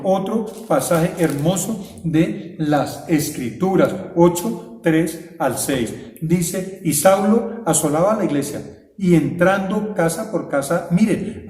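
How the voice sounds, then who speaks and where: A man preaching a fervent sermon as pastor, swinging between loud cries and low murmurs. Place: church sanctuary. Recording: echoey church hall.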